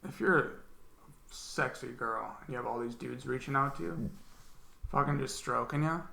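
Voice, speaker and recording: Man, casual podcast chat, gravelly voice, mid pitch. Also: normal speed, sharp tone, echoey room. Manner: laid-back, swearing, agreeable. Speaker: podcast co-host.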